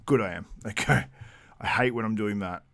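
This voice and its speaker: A man's voice: fairly low pitch, moderate pace, creaky, a bit bright, no room sound. A man hosting a casual live-stream, chatting loosely and reading out viewer comments between laughs. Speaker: livestream host.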